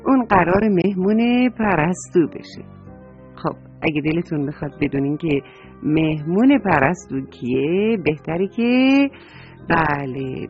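A woman telling a children's story, speaking in a lilting way and addressing the children directly. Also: on the low side. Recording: dull dry recording, soft music.

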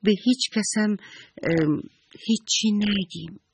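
A man voicing a timid little girl in a children's story, speaking in a hushed, conspiratorial way. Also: high-pitched, creaky, husky, pitched above the performer's own voice, exaggerated voice. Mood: secretive. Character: small girl guest, timid and sneaky.

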